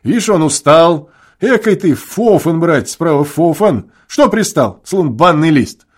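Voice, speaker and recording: A man's voice: on the high side, expressive, unhurried. A man voicing an irritable, sly peasant who scolds in a drawl. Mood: annoyed.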